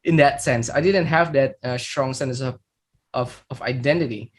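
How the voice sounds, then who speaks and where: A man's voice: mid-range voice, normal speed. A man in his thirties from Indonesia, with an Indonesian accent, telling his life story as a podcast guest. He talks reflectively, with many fillers and repeated words. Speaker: startup founder guest. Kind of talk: podcast interview, personal story.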